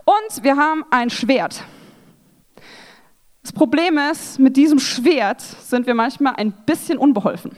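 Young woman preaching to a hall full of women, lively, pokes fun at herself, slightly high voice. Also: measured pace. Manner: lively, self-mocking, acts out quoted voices. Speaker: speaker at a church women's evening. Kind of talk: sermon talk.

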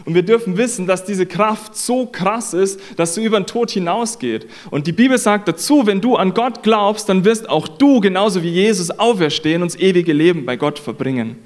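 A man's voice: high voice, lively intonation, moderate pace, hardly any pauses. A man preaching a sermon in an earnest, conversational way, repeating phrases for emphasis.

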